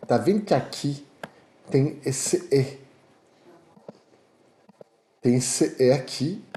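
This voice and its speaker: A Parisian man with a French accent and a medium-pitched voice gives an animated online French lesson taught in Portuguese. He draws out his words and keeps asking "tá?" to check understanding, in a reverberant recording.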